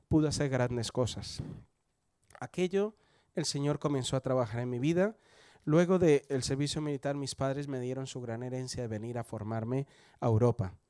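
Here a Colombian man in his forties shares his testimony during a church service, chatting with the congregation and often questioning them. His voice is medium-pitched and dark-toned, recorded at studio quality with no echo, and carries a Colombian accent.

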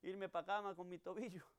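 High-voiced clear preacher man. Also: fairly even intonation, a little slow. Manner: storytelling, acts out quoted voices. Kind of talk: sermon.

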